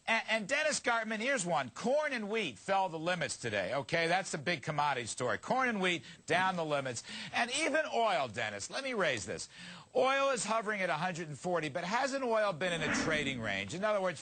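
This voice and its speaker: A male cable news host leads a market discussion with his guests. His voice is animated and swings widely in pitch, and he presses his points with emphasis. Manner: emphatic, lively questioning. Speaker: show host.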